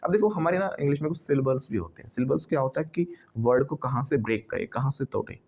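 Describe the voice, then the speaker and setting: A man's voice: mid-range voice, lively intonation, fast talker, gravelly, darkish tone, husky. A man teaching an English lesson to a class in Hindi mixed with English. He asks questions and has the students repeat words after him. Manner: drills the class with questions and repetition.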